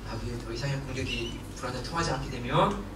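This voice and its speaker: Echoey pastor preaching from far off. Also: male voice, medium pitch, fast. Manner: animated, laughing and shouting in bursts. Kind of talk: sermon. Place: church sanctuary. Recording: echoey hall from far off, noisy.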